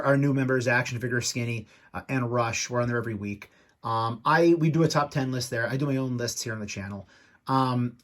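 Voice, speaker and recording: A man's voice: mid-range voice, a bit bright. Annoyed man venting in an off-the-cuff rant. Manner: rambling, halting, repeats himself. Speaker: YouTube toy collector and podcast co-host.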